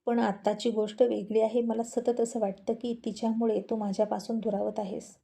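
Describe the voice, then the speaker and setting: A woman voicing a playful, coaxing young wife in a storybook reading, pleading in a soft way. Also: a little high, flat delivery, moderate pace, gravelly.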